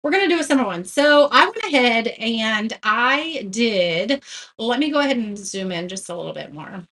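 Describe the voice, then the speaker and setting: A high-voiced woman hosts a casual live craft tutorial. She talks in a friendly, rambling way and laughs at her own slips. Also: expressive, moderate pace, fairly bright tone. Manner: chatty, greets viewers by name, self-deprecating.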